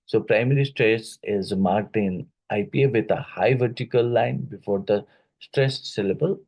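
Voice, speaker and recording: A man's voice: lowish voice, moderate pace, gravelly, darkish tone, slightly rough. A man with an Indian English accent teaching phonetics for exam prep, explaining step by step and often checking in with "right?" and "isn't it?". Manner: explanatory, checks in with tag questions. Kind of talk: exam-prep lecture walking through worksheets.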